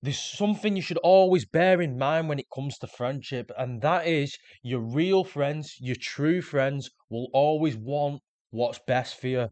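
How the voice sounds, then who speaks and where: A man's voice: a little high, measured pace, a little mellow, no echo. A man, earnestly explaining self-improvement ideas in a scripted motivational monologue. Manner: earnest, explanatory, repeats words when restarting. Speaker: self-improvement video host.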